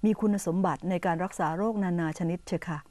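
A woman hosting an educational program, patiently explaining English words to Thai viewers and repeating them slowly and clearly. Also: fairly low pitch, warm tone, dry recording. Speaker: English teacher and host.

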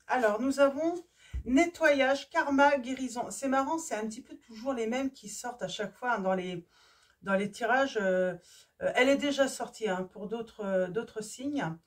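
A woman with a slightly high, hoarse voice reads oracle cards in a casual, halting way, full of fillers and restarts. She sits a little back from the microphone, so her voice sounds somewhat distant. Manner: hesitant, many fillers and restarts. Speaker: tarot reader. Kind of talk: casual card-reading video.

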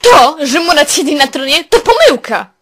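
A woman's voice: high-pitched, sing-song, moderate pace, fairly bright tone, pitched above the performer's own voice. A woman reading the lines of a proud, scheming young sultana in a firm, commanding way, with faint music behind.

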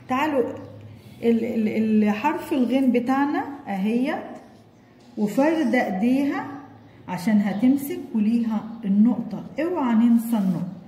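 An Egyptian woman teaching kindergarteners, slowly sounding out letters and syllables as she coaxes the child along. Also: fairly high pitch, expressive, mellow. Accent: Egyptian Arabic. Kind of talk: recorded lesson for young children. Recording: echoey room with long reverb, faint background noise.

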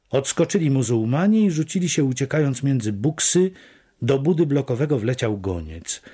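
A man reading literary prose as an audiobook, measured and deliberate. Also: medium pitch, mellow, husky. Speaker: audiobook narrator.

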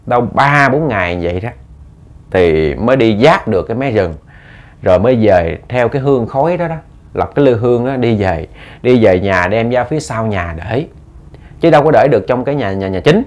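A man's voice: medium pitch, animated, brisk. A man narrating a ghost story conversationally, often repeating words and addressing listeners.

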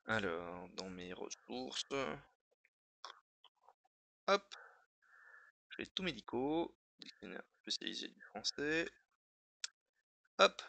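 Gravelly, bright-voiced man thinking aloud. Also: on the low side, big pitch swings, takes it slowly, long pauses, no room sound. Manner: mutters and repeats words while working, chatty asides to viewers. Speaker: streamer editing a dictionary wiki live. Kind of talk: casual live stream, thinking aloud.

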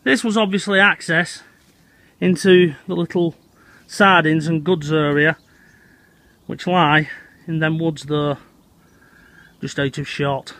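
A man's voice: fairly high pitch, steady tone, slow, long pauses, fairly bright tone, dry recording. A middle-aged man with a Lancashire accent, chatting to viewers while walking through outdoor woodland, filmed on a handheld phone. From England. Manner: chatty, addresses viewers as "Hot Potters". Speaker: vlogger exploring old railway sites. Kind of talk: walking outdoor vlog to camera. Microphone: phone camera held at arm's length.

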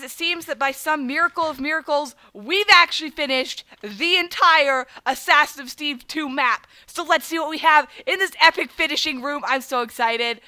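A woman's voice: sits high, sharp tone, no echo. A woman giving let's-play commentary, trash-talking enemies with theatrical, playful mock threats. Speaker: gaming video creator.

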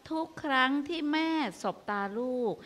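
An older woman hosting a live show, giving a dharma talk to parents and asking rhetorical questions. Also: measured pace. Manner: animated, asks rhetorical questions. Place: stage of a live broadcast.

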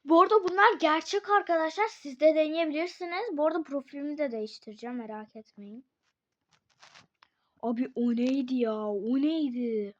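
A young woman giving casual gameplay commentary, excitable, swearing and shrieking at the game. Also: sits high, a little fast. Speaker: gaming video creator. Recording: dull lo-fi sound.

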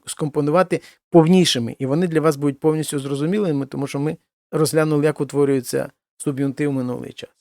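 A man teaching Spanish grammar in a slow, careful way, repeating example forms and switching between two languages. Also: a little high, a little mellow, dry recording, studio quality. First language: Ukrainian. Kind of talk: explaining grammar with spoken examples.

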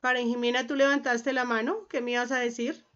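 A woman's voice: a little high, flat delivery, a bit bright, lo-fi sound. A woman primary school teacher giving an online class, dictating patiently and calling her pupils affectionate names. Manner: patient, dictating slowly, calls pupils "mis amores". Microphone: video call.

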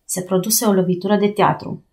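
A woman reading a novel aloud as an audiobook narrator, raising her voice for the sailors' shouts. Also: medium pitch, fairly even intonation.

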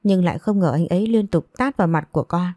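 A woman's voice: on the low side, fast talker, warm tone, no echo, natural voice. A woman voicing a tearful, wheedling young woman in a romance story, speaking in a plaintive, whimpering way.

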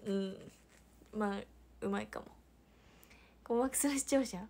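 A woman's voice: medium pitch, slow pace, dark tone. A young woman from Hiroshima with a Hiroshima accent, chatting casually on a livestream, reading viewer comments aloud and laughing often. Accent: Hiroshima Japanese. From Hiroshima, Japan. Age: young adult. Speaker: idol livestreamer.

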